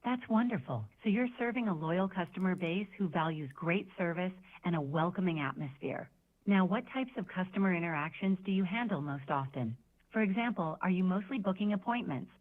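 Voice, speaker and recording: A woman's voice: fairly low pitch, animated, fairly quick. A synthetic female voice acting as a receptionist, heard over a phone line and speaking in friendly, scripted assistant phrases. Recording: tinny phone line played through a speaker.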